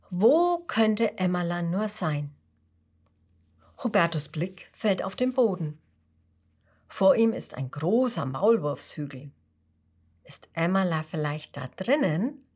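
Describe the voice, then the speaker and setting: Woman slowly reading a children's story. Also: lowish voice, slightly rough. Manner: slow and gentle, with lively voices.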